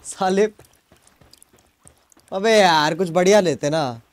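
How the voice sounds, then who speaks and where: High-voiced young man bantering over a game. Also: slow pace. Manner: joking, teasing banter. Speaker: streamer. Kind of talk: casual gaming chat.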